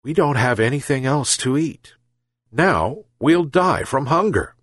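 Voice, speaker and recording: A man's voice: a little high, big pitch swings, unhurried, a bit bright, husky, dry recording, studio quality, voice pushed up, full character voice. A man doing a poor, weary old fisherman. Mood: despairing.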